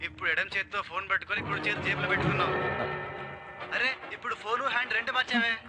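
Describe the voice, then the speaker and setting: A man's voice: high voice, fairly even intonation, fast, over loud music, lightly acted. An actor playing a cocky young man taunting someone over the phone in a film comedy. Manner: mocking, taunting. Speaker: prankster caller in a film comedy. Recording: film soundtrack with loud score.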